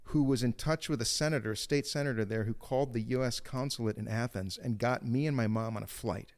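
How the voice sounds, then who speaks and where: A man's voice: medium pitch, brisk. A man in his fifties, born in Greece and raised in Cincinnati, telling his life story as a podcast guest, rambling with many restarts. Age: 50s. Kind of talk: casual storytelling interview.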